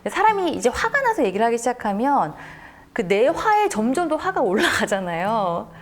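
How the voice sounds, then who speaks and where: Animated woman telling a story. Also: a little high, moderate pace. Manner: storytelling, acts out the angry quotes loudly. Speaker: communication coach giving a lecture. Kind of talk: lecture with acted-out quotes.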